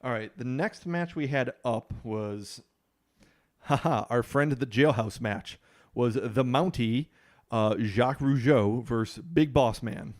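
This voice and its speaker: A man's voice: medium pitch, slow, a little mellow. A man co-hosting a podcast, talking in a conversational, dry and opinionated way. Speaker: podcast co-host. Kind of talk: casual chat.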